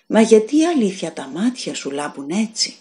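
A woman's voice: mid-range voice, sing-song, warm tone, pitched above the performer's own voice, close to an everyday voice. A woman reading a fairy tale aloud, voicing an innocent, curious little village girl who asks eager, wondering questions.

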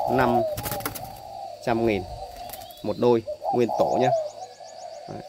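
Doves coo loudly in the background of this phone-filmed aviary tour, and the bird noise is loud on the audio. The medium-pitched breeder, who sells his birds, chats casually about his cages and fills pauses with short tags like a repeated "đấy."

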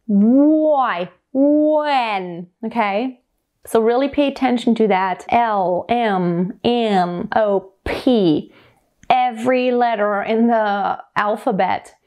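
Speaking slowly in a slightly high, somewhat mellow voice, a woman in her thirties teaches singing to the camera. She has a light German accent, talks animatedly, and illustrates each sound in a homey room that holds a piano.

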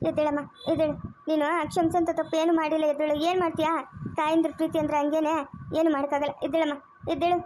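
A woman's voice: sits high, darkish tone, slight background noise, close to an everyday voice. A woman with a Chikkaballapur Kannada accent, acting as a rural woman in a family drama, scolding and pleading with emotion.

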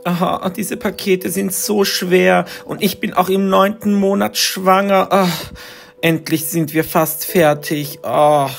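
Man playing a tired pregnant wife, complaining, weary, soft. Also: sits high, steady tone, slow, vocal fry, soft background music, heavily acted.

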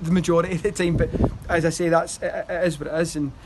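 Standing outdoors by a stadium wall, a Scottish football manager in his thirties gives a post-match interview, talking fast in rambling runs full of fillers and restarts. His voice is a little high and steady, with background noise around him.

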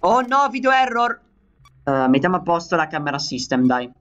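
A man from Italy hosting a gaming channel, giving excitable let's play commentary and calling out to his viewers. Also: fairly high pitch, moderate pace, muffled recording.

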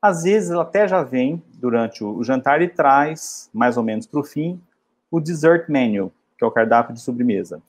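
A man's voice: mid-range voice, expressive. Man teaching restaurant English. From Brazil. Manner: slow, drilled model phrases in English between casual explanations. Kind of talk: travel English lesson.

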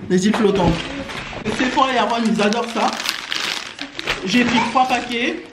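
Recorded in an echoey living room with clear noise and clicks, a woman speaks at a moderate pace in a slightly high voice. She's a family vlogger chatting informally about a haul with slangy phrasing.

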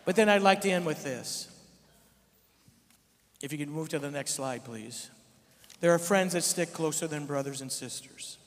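A middle-aged man standing on stage, teasing a friend and then speaking warmly about him as his best friend. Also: on the high side, moderate pace, pauses often. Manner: playful teasing, emphatic, emotional. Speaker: church member giving tribute. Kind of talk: joking then heartfelt tribute speech. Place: large church auditorium with live audience. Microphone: handheld mic, standing on stage. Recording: long hall reverb.

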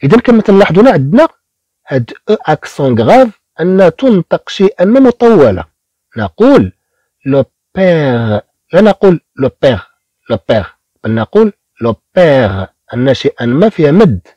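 Husky man teaching slow French. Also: a little high, sing-song, warm tone, no echo. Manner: repeats French words slowly, syllable by syllable. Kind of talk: slow beginner French lesson in Arabic.

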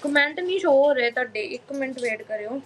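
A woman's voice: high-pitched, lively intonation, fast talker, a little hiss or hum, poor audio. Chatty woman hosting a live stream. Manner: chatty, greets viewers by name, repeats phrases. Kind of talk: casual live-stream chat with viewers.

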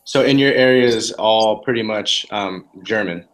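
A man's voice: lowish voice, moderate pace, fairly bright tone, rough recording. A man co-interviewing, phrasing his questions casually with many fillers.

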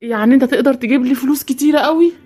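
Cartoon dub lead: a woman doing a nervous young man with an Egyptian Arabic accent, rapid and a touch high. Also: a little mellow. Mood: curious. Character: young man who finds a magic lamp, nervous.

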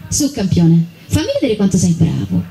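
A woman's voice: fairly low pitch, sing-song, normal speed, gravelly, mellow, slight background noise, poor audio. A woman voicing Yao, a playful, patient fifteen-year-old boy looking after a younger child.

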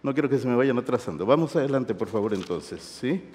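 A middle-aged man preaching to university students, animated, swinging from loud exclamations to soft intimate asides. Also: medium pitch, fairly quick. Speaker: pastor. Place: large hall. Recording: reverberant hall.

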